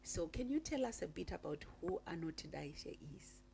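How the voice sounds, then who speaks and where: A woman hosting a talk show, introducing and questioning her guest with frequent pauses and fillers. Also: fairly low pitch, big pitch swings, vocal fry, dark tone, a little hiss or hum. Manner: slow, halting, with many uh fillers. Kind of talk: radio talk show interview.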